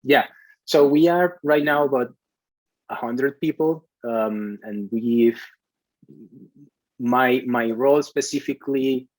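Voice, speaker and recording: A man who grew up in Venezuela talks through his career in an interview, often pausing on fillers and repeating words. His voice sits at a middle pitch. The recording is dry, with no room echo. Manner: hesitant, many restarts and fillers. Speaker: CTO, interview guest. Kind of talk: conversational interview.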